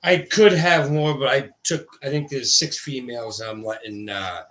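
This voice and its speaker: This guest is a ball python breeder talking casually on a livestream, wandering off track and restarting his sentences. Every R he says turns into a W. His voice sits at a medium pitch, fairly bright, and moves at an ordinary speed.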